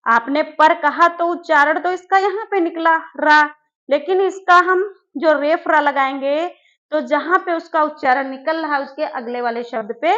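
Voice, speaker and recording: A woman teaching an exam-prep spelling lesson, who asks her class questions and then answers them herself, repeating each word slowly. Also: high-pitched, a bit bright, lo-fi sound. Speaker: Hindi teacher.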